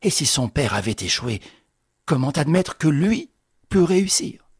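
Husky male audiobook narrator. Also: a little high, sing-song, measured pace, dry recording, studio quality. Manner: dramatic, rising with the action. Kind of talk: dramatic audiobook reading.

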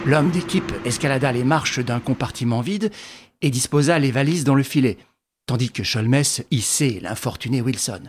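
A man narrating an audiobook in a measured, low-key way. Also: slight background noise.

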